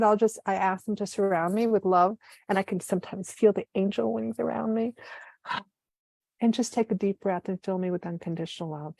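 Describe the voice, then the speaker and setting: A woman channeling spiritual messages live on a video call, speaking in a soft, reverent way with breathy sighs. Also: medium pitch, no echo. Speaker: guest channeler.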